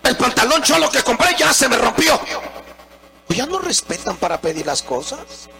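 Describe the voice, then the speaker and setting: A Guatemalan preacher with a very high, bright, forceful voice and a gravelly edge. He swings between shouted sing-song peaks and slow, drawn-out stresses, with faint music behind him. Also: sing-song. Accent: Guatemalan Spanish. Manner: acts out quoted mothers and children in raised voices. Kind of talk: sermon.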